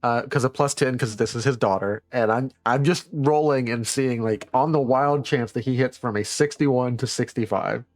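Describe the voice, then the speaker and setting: A man narrating a tabletop roleplaying game as game master, improvising haltingly and often repeating words. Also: mid-range voice, dry recording.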